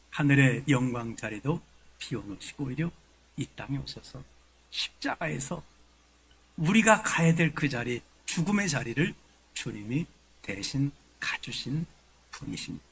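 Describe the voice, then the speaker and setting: A man preaching a sermon in a conversational way, rising to forceful emphasis at key points. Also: mid-range voice, slight background noise, rough recording. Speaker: pastor. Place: church sanctuary.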